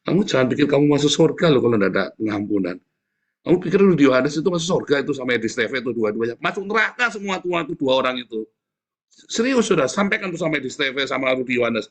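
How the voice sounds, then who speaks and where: Male preacher, lively swings in pitch, casual and jokey, laughs between points. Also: fast. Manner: animated, jokey, frequent laughing asides, addresses congregation as saudara. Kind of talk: informal sermon.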